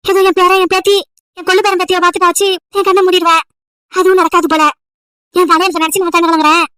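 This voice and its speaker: A woman's voice: extremely high pitch, flat delivery, fast, fairly bright tone, no room sound, studio quality. A woman voicing a nagging, emotional old village grandmother over 70 who scolds and pleads at length. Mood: scolding. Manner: scolding, pleading, wailing complaints.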